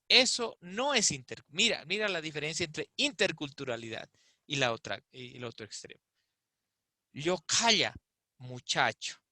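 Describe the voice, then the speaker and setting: With a fairly high, sharp-toned voice and no echo, a man explains his topic as an invited speaker in an online discussion. His talk is conversational and often uses rhetorical questions.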